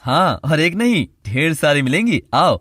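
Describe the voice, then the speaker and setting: A man voicing a gentle, soft-spoken father in an audio drama. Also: a little high, very animated, unhurried, no room sound, studio quality, exaggerated voice. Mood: coaxing. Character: gentle wounded father, a doctor.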